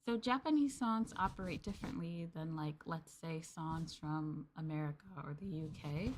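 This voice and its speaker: A VTuber streamer, a woman with a low-pitched voice, chats casually with her viewers at a moderate pace, calling them Masters and filling her talk with ums and likes. Background noise is audible.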